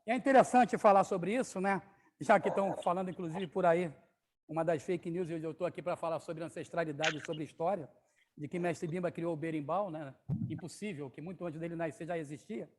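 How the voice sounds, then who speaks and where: A man's voice: fairly high pitch, a little fast. A man, a capoeira master, reading a children's story aloud and stopping to explain things to his audience.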